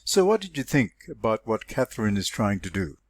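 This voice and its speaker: A man's voice: fairly low pitch, very animated, fairly quick, dry recording, clean studio sound. A man reading aloud the part of a puzzled, sceptical business colleague, conversational and questioning. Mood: sceptical, musing. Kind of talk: story dialogue read aloud.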